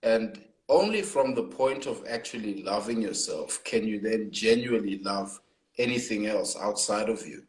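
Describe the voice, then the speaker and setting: South african man, low-pitched, reflective, many fillers, echoey room, video call. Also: normal speed. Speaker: hip hop artist, guest. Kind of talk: casual interview over video call. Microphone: laptop or phone on a video call.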